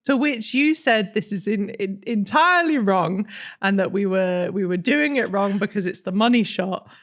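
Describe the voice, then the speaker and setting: A woman's voice: mid-range voice, moderate pace. A woman co-hosting a podcast in casual chat, giggly and playful, often laughing and teasing her friend. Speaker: podcast co-host.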